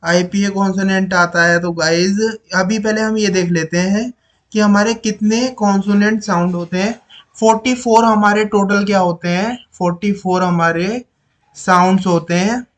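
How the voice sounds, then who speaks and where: A male teacher explaining phonetic symbols from his notes, repeating each sound slowly and going through them one by one. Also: high voice, steady tone.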